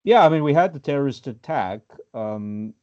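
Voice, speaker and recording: A man from Austria in his thirties hosting a podcast, discussing politics casually over a video call and pausing often with fillers and restarts. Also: mid-range voice, lively intonation, a little mellow. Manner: hesitant, many fillers and restarts. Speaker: podcast host. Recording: dull lo-fi video call audio.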